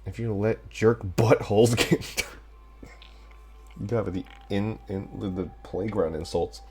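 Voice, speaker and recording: A man voicing an upset young woman who quietly explains herself, in a visual novel reading. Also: lowish voice, unhurried, breathy edge, faint music behind. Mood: rueful. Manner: soft, rueful.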